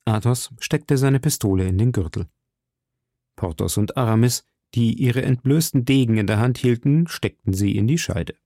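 A man narrating a classic novel in a measured, steady, deliberate way. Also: medium pitch, no room sound, studio quality. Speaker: audiobook narrator.

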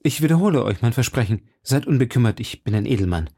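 A man voicing a hot-tempered young swordsman of twenty, speaking urgently and with agitation in a raised, gravelly voice. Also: medium pitch, lively intonation, quick pace, dark tone. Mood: anxious.

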